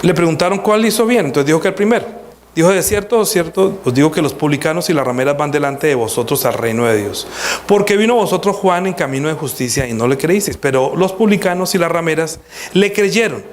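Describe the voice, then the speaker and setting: A man preaching a sermon as pastor, lively, acting out quotes and asking the congregation questions. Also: fairly high pitch, brisk, a little hiss or hum.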